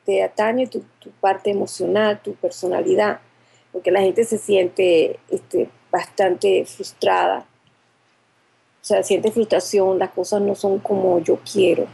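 A woman's voice: mid-range voice, creaky, dark tone, husky, low-quality recording. A woman therapist, a guest on a panel talk show, explaining things at length with many restarts. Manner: explanatory, full of fillers and restarts.

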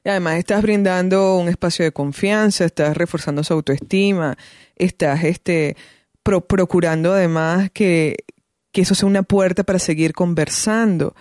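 Her lowish, darkish voice moves at a moderate pace in a dry, clean studio recording as she appears as a guest on parenting. She offers advice conversationally and thoughtfully, repeatedly restarting phrases and using fillers.

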